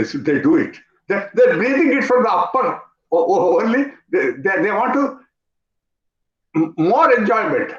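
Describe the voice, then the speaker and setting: A man with an Indian English accent, teaching an online yoga class, talking in an animated way, repeating phrases and asking his students questions. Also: a little high. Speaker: yoga instructor. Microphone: video call. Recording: roomy, dull lo-fi video call audio.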